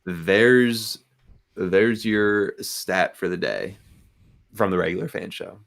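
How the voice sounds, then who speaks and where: Low gravelly young male sports host. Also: takes it slowly. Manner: relaxed, plugs socials and sponsor. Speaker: podcast host. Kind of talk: casual sports chat.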